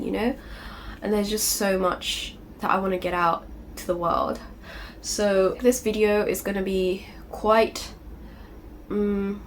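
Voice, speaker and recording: A channel host records a personal confessional vlog, speaking earnestly and gently and often slipping in "you know." Still recovering from a cold, she sounds a little off, her pitch mid-height for a woman, with a faint hiss in the background.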